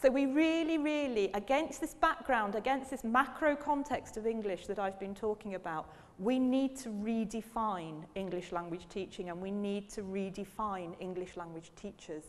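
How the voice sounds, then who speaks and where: Her mid-range voice moving at a moderate pace with few pauses, a woman professor lectures publicly on language teaching and quizzes the audience throughout. The recording carries the long reverb of a lecture hall.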